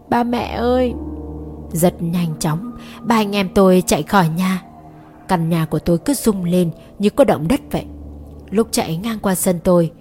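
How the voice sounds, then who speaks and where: Woman narrating a horror story. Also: mid-range voice. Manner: measured, suspenseful storytelling. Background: soft music.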